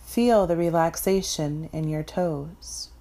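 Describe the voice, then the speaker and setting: Slow, calm woman guiding meditation. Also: deep voice. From Florida. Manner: slow, soft, calm instructions. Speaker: meditation guide. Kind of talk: guided meditation.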